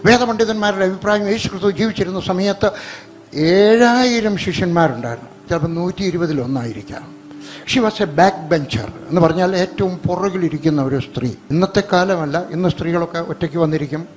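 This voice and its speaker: An older man preaching an emphatic, repetitive sermon, swinging from loud bursts to quiet asides. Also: high-pitched, a little fast.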